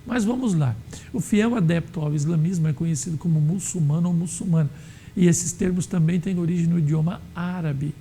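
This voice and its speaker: Gravelly, husky Brazilian Bible teacher. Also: male voice, on the high side, warm tone. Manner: measured, explanatory, with many fillers. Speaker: Sunday school teacher. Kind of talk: Bible lesson lecture.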